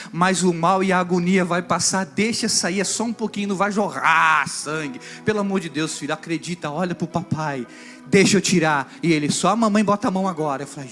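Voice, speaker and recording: A man's voice: a little high, fairly bright tone. A man with a Brazilian Portuguese accent preaching a sermon, acting out the lines of a personal story and speaking directly to the congregation. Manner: acts out dialogue from a story, addressing the congregation directly. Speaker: pastor.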